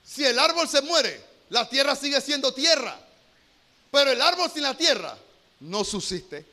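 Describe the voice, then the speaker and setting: A male pastor delivers a sermon in a high voice with a bright, forceful edge. He asks his congregation question after question, drops low and quiet while telling a story, then climbs back into loud, urgent preaching. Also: expressive, a little slow.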